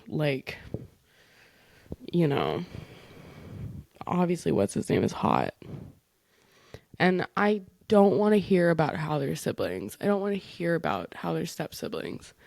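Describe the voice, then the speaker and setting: A woman's voice: low voice, very animated, takes it slowly, gravelly, pauses often, a little mellow, no echo. A young woman in her twenties hosting a casual solo podcast, rambling and chatty, often breaking off mid-thought. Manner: rambling, chatty, self-interrupting. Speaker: podcast host.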